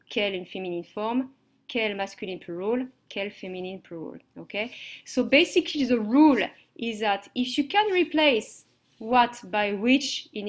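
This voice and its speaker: A woman teaching a language lesson from slides, explaining step by step and checking understanding with "okay?". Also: a little high. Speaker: French teacher.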